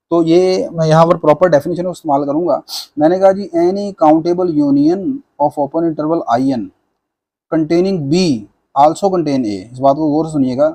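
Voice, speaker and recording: A man gives a patient maths lecture, stepping through each proof. His voice sits fairly high but sounds warm and mellow. He checks in with his students often and drops English terms into his explanations. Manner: patient, repeats "theek hai na" to check understanding; mixes English maths terms into Hindi-Urdu speech.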